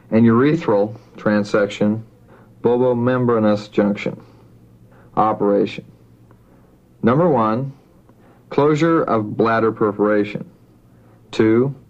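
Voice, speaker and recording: Low-voiced man in rapid medical dictation, dull recording. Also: a little mellow. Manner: formal, matter-of-fact, reads out punctuation and spellings. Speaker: doctor dictating an operative report.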